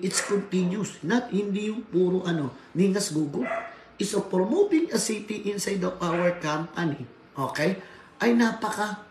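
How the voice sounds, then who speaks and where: A man from the Philippines giving a workplace safety seminar lecture, switching between Tagalog and English and often adding tag questions like "right?". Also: high-pitched. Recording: echoey room, faint background noise.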